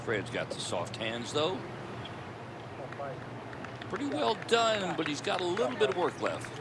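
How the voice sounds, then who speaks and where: A man's voice: sits high, wildly swooping pitch, unhurried. A man giving conversational, informal and opinionated golf analysis during live coverage. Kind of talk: conversational sports commentary. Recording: noisy outdoor ambience.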